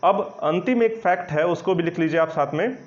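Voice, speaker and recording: In slightly dull, lo-fi audio, a man patiently explains Hindi grammar in an online exam-prep class, regularly checking that students understand. His voice is a little high and his pace a little fast.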